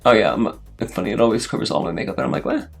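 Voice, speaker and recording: A young adult man who performs as a drag queen, chatting casually in an animated, rambling, self-deprecating way while doing makeup. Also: lowish voice, rapid-fire, creaky, slightly rough. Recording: music playing behind the voice. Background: music.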